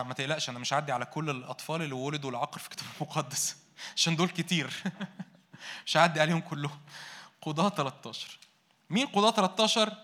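A man with an Egyptian Arabic accent delivers a sermon in a rapid, bright and forceful voice, set a little high for a man. He keeps asking the congregation questions and answering them himself, jumping from loud emphatic bursts to low, hushed asides. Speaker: preacher.

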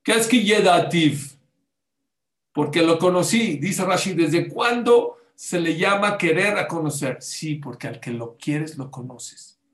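A male religious teacher with a fairly high, animated voice speaks a little slowly in an echoey room. His talk takes the form of a sermon, built on rhetorical questions to his audience and quotations from Hebrew sources.

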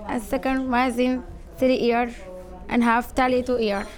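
A young woman with a Sudanese accent answers informally in halting, simple, non-fluent English. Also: on the high side, little pitch movement. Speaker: interviewee, church community member. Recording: busy room with background chatter.

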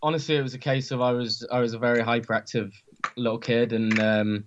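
A man's voice: medium pitch, level tone, brisk, muffled recording, a little hiss or hum. A man from Surrey in England with a Home Counties accent, speaking modestly and a little hesitantly as a hockey player being interviewed. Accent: Home Counties English. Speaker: interview guest, professional ice hockey player. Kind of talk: casual interview.

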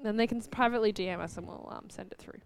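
A woman's voice: mid-range voice, racing, creaky. A woman co-hosting a podcast in casual chat, telling anecdotes, laughing often and swearing casually. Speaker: podcast co-host.

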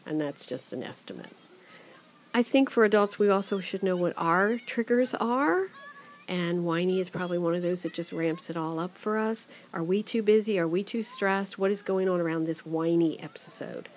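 Middle-aged woman, educator host; low, calm, explanatory delivery with drawn-out emphasis. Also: a little hiss or hum. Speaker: director of education, podcast host. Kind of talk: educational parenting podcast.

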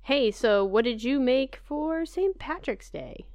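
Clear-voiced woman in casual podcast chat. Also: high voice, expressive, takes it slowly, a little mellow, no room sound, studio quality. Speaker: podcast co-host.

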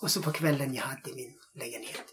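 A man's voice: mid-range voice, fairly even intonation, fairly bright tone, a little hiss or hum. A man telling a personal faith testimony in an interview, speaking in non-native Swedish and acting out the dialogue in his story with feeling.

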